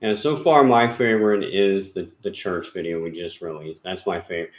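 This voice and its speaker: A man with a fairly low voice hosts a ghost-hunting channel from his home. He talks casually and rambles, stopping and restarting with plenty of fillers. The room gives his voice a noticeable echo. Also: fairly even intonation, moderate pace. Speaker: paranormal investigator channel host. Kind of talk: casual chat. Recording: roomy echo.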